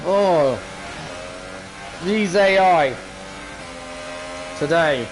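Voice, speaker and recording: British guy moaning through a racing game, exasperated casual chat, slow drawn-out delivery, car noise in the back. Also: a little high, lively intonation, poor audio. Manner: grumbling, exasperated, colloquial. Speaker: gamer, video creator. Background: racing game engine sound.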